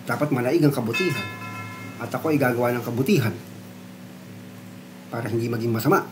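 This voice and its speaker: Man, mid-pitched, chatty lecturer, thinks out loud, light noise in background. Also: a little fast. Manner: conversational, frequent tag questions and fillers. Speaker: philosophy lecturer. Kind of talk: casual explanatory talk.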